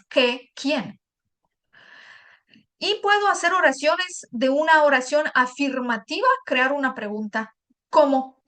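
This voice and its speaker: A woman with a high voice teaching a patient, step-by-step language lesson. She repeats and translates each example and checks in with short asides. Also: a bit bright. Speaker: Russian teacher.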